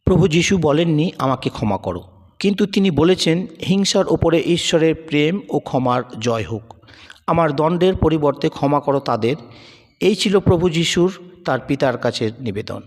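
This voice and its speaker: A man's voice: on the high side, animated, moderate pace. Solemn man reading a sermon. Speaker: preacher. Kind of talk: scripted devotional sermon.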